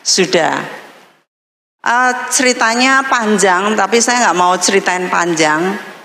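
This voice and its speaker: A woman's voice: medium pitch, slow. A woman preacher, telling a story in a sermon, calling the audience "saudara" and acting out the voices she quotes. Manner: animated, acts out quoted voices. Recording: reverberant large hall.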